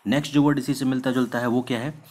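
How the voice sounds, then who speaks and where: A man teaching English vocabulary in Hindi, mixing in English words. He keeps asking rhetorical questions and answering them himself, and slows down to spell out and stress example sentences. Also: mid-range voice, steady tone. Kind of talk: classroom-style vocabulary lesson.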